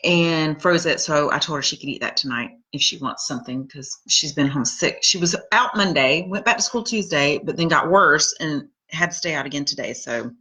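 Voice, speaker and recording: Woman host, forties, chatty and rambling, bright lowish voice, casual live storytelling. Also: normal speed, few pauses, poor audio. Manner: chatty, rambling, laughs at her own stories. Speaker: podcast host reading live comments.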